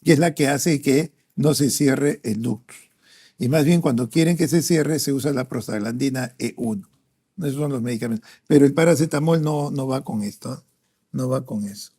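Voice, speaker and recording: A man's voice: medium pitch, normal speed, mellow, husky. A male doctor with a Peruvian Spanish accent, giving an exam-prep lecture. He works through questions aloud with frequent "¿no?" and "este" fillers. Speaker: doctor teaching a pediatric cardiology review.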